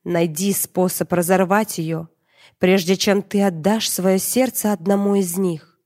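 A woman reading a dark fantasy novel as an audiobook narrator, in a measured, dramatic way. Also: lowish voice, fairly even intonation.

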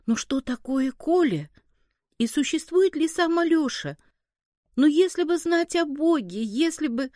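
A woman voicing a brooding, anguished young boy in a story reading, slow and pondering. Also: high voice, animated, dark tone, dry recording, studio quality, pitched above the performer's own voice. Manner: slow, pondering, then crying out.

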